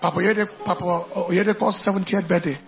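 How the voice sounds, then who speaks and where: A high-sitting male voice with vocal fry and a flat delivery preaches a little fast in a Nigerian accent. Declaiming to his congregation, he tells anecdotes and repeats points emphatically in an animated sermon. The sound is lo-fi, with soft music in the background.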